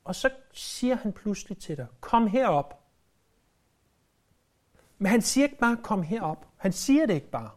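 A preacher delivering a sermon in a lively way, often hesitating and repeating words, and acting out quoted speech with sudden jumps in pitch. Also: few pauses. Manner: frequent hesitation fillers and word repeats.

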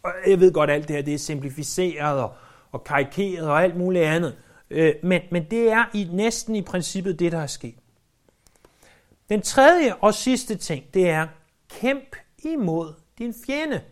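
A man's voice: high voice, lively intonation. A man preaching a sermon in an earnest, emphatic way, repeating key phrases for weight.

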